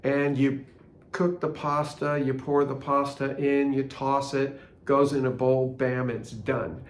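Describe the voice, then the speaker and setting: A man's voice: medium pitch, level tone, slow. Chatty older man in a roomy echo. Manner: chatty storytelling with rhetorical questions. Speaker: blog host. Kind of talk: casual spoken reflection.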